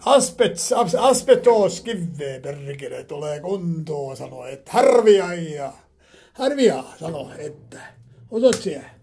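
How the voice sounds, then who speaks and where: A man's voice: fairly high pitch, big pitch swings, warm tone, slight background noise. A man heating a sauna and talking to himself, rambling, repeating himself and swearing often. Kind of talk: rambling casual monologue.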